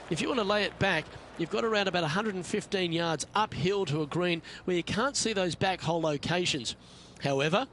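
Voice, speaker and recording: Golf commentator over loud outdoor noise. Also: male voice, high voice. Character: polished male TV golf commentator in a video game.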